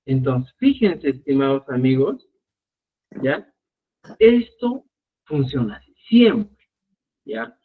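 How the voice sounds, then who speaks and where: Animated man teaching a live class over phone-like audio. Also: mid-range voice, takes it slowly, long pauses, slightly rough. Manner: animated, repeats checks like "¿ya?" to students. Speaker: Quechua language teacher. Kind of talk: live online language lesson.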